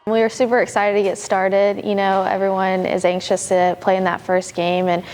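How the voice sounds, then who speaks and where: A woman softball coach talking casually about her team, with many fillers. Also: medium pitch, flat delivery, moderate pace. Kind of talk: interview talk.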